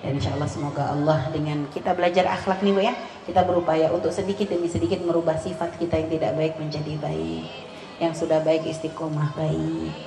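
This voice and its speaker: A woman's voice: deep voice, fairly even intonation, a little fast. A woman with a Javanese accent giving a religious lesson to women, reciting Arabic lines and translating them with chatty asides. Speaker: Islamic religious teacher. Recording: echoey hall, faint background noise.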